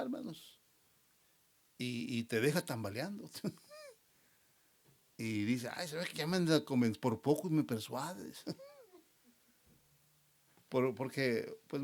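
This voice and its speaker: A pastor with a mid-range, breathy voice and vocal fry preaches a sermon. He keeps calling the congregation "hermanos," and his voice drops at the end of each phrase.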